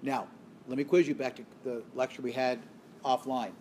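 A man's voice: medium pitch, flat delivery, normal speed, darkish tone. Male biology lecturer, mid-range voice, screencast lecture, quizzes students then answers, faint hiss. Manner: asks the class questions and answers them himself; explains step by step and corrects himself.

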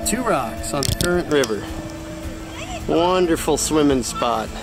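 A middle-aged man vlogging outdoors on a river with a phone held at arm's length, relaxed and upbeat, full of fillers. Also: a little high, measured pace, over loud music, poor audio. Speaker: outdoor instructor. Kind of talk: casual vlog narration.

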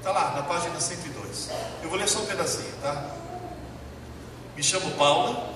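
A man giving a talk on learning to a live audience, humorous and animated, often putting questions to the listeners. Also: fairly high pitch, quick pace. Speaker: speaker at an education talk. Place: large hall. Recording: echoey hall, distant mic, noisy.

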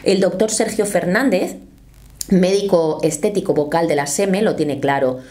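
Talking to camera from her small home studio, a YouTube commentator explains earnestly, reads quotes aloud and moves her hands as she speaks. Her lowish voice has a darkish tone and a moderate pace.

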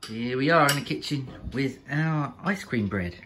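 A man's voice: mid-range voice, animated, moderate pace, background noise. A man from Sussex, co-hosting a home vlog in his kitchen with dry, joking asides. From Sussex, England. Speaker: vlog co-host. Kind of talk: casual home vlog chat.

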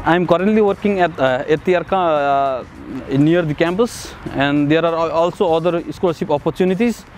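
Music plays in the background as a young man from Nepal, a master's student, speaks at normal speed in a fairly high voice. It's a casual testimonial interview set outdoors on a city riverside path and in a bright building, and he's hesitant, chuckling softly and saying "uh" a lot.

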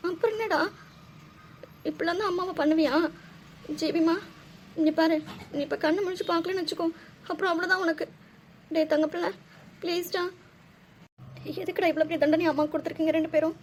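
A woman's voice: very high-pitched, steady tone, brisk, long pauses, slight background noise. A woman voicing a grieving mother at a hospital bed, pleading and tearful, in a Tamil cartoon dub.

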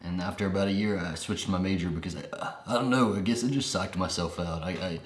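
A man's voice: sits low, fast, roomy sound. A young man vlogging casually about film, rambling and laughing often. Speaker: vlogger and filmmaker. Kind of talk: casual chat to camera.

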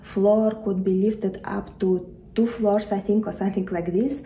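Chatty woman vlogging with a mellow voice. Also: medium pitch, steady tone, measured pace, reverberant, a little hiss or hum, rough recording. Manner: chatty, enthusiastic, many fillers. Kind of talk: casual vlog talk to camera. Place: home living room, then city streets.

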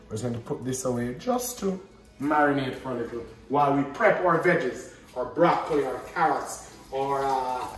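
With faint music behind him, a medium-pitched man talks at a normal speed. This Jamaican host in his thirties, Jamaican accent and all, keeps his home cooking vlog casual and chatty with patois-flavored banter. The indoor kitchen sounds roomy and echoey through a distant camera mic, with background noise clearly audible.

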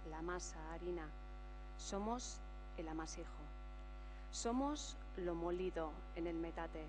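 A woman on stage reading a poem and presenting an award ceremony in a measured, formal manner. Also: lowish voice, noisy background. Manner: measured, reads from a sheet. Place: large indoor hall on a stage.

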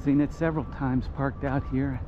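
A man's voice: medium pitch, little pitch movement, normal speed. A middle-aged man chatting casually as he walks residential streets, recorded on an action camera. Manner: chatty, offhand remarks while walking. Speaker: walking vlogger. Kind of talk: casual walking commentary. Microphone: action camera held or worn. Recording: dull lo-fi outdoor audio with traffic noise. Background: street and traffic noise.

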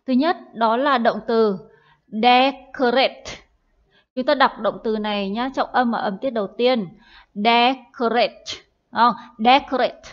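A woman's voice: a little high, moderate pace, hardly any pauses. A woman teaching English in a recorded online lesson, explaining in Vietnamese with hesitant fillers and repeating words for practice. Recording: dull lo-fi audio.

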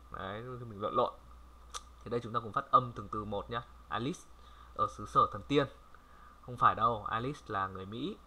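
Chatty guy teaching a lesson, super bright voice, says words slow so you can copy. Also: mid-range voice, slight background noise. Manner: chatty, repeats words slowly for viewers to copy. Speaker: French language tutor. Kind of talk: casual screen-recorded lesson.

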